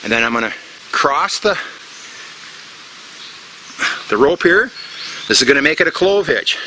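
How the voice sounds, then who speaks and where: A man's voice: a little high, sing-song, fairly quick, sharp tone, slight background noise. A middle-aged man showing a knot step by step in a tropical forest, talking plainly and repeating himself as he works. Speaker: bushcraft instructor. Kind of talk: casual outdoor knot demonstration.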